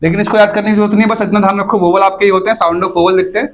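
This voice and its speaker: In a high, steady voice and at a rapid-fire pace, a man explains English grammar to students step by step. He repeatedly checks whether they follow and goes back over points.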